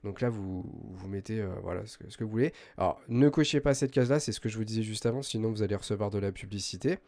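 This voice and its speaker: A man hosting a software tutorial, explaining step by step in a chatty way, full of hesitations and self-corrections. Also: lowish voice, quick pace. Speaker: host of a web tools tutorial channel. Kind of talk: screen-recorded software tutorial.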